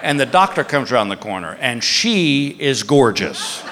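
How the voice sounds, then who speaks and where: A man doing stand-up storytelling, acting out the people in his story with sudden high yelps. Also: moderate pace, noisy background. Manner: animated, acts out characters with high yelps. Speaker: stand-up comedian. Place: live stage before an audience. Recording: live hall with crowd laughter.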